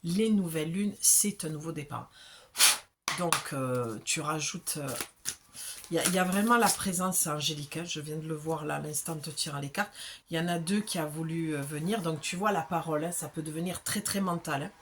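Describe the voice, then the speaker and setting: A woman with a southern French accent talks the viewer through an oracle card reading. Her voice sits a little low, and her manner is loose, familiar and conversational. She often pauses to check in with the listener. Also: slight background noise. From south of France. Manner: chatty and familiar, with frequent check-ins.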